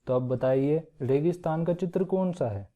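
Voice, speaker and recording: A man teaching young children, explaining a poem slowly, reciting it in a sing-song way and often checking that they follow. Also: fairly high pitch, dark tone. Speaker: primary school teacher. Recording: tinny phone-like audio.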